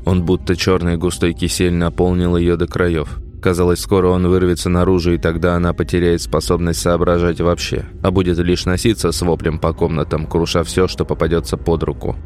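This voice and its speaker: A man narrating an audiobook in a measured, dramatic reading. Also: deep voice, monotone, a little mellow, soft background music. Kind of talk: scripted narration.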